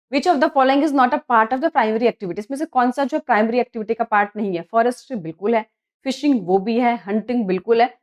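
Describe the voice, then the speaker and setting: A woman teacher with a Hindi accent, reading quiz questions slowly in English and explaining the answers in Hindi. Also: on the high side, a little mellow, muffled recording. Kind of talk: exam prep lesson.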